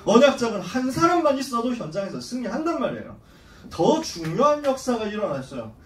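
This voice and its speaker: A male youth pastor rattles through a Bible story in a high, very animated voice, slangy and playful with his listeners. He sits back from the mic in an echoey church hall, with faint ambience behind him. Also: a little fast, recorded from a distance, slight background noise. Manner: casual and slangy, acting out story scenes. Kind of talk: lively youth sermon.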